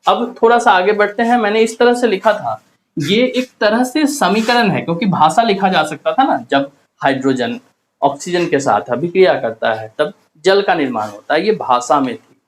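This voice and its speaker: A man's voice: sits high, animated, moderate pace, rough recording. Man teaching a chemistry lesson. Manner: explains step by step, asks and answers his own questions. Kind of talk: classroom lecture.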